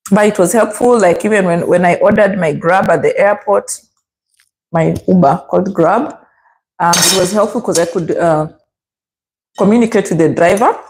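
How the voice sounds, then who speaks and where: A woman's voice: fairly low pitch, moderate pace, a little mellow, poor audio. A woman with a Kenyan accent chatting casually as a travel vlogger, giving practical tips and checking in with the listener. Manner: conversational, checks in with "yeah?" and "okay?".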